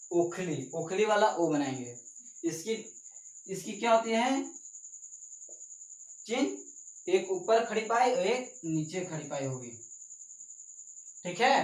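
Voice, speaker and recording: A male teacher giving a classroom lesson, talking slowly and repeating himself, often asking questions that prompt his students to answer and take notes. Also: high voice. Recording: echoey room.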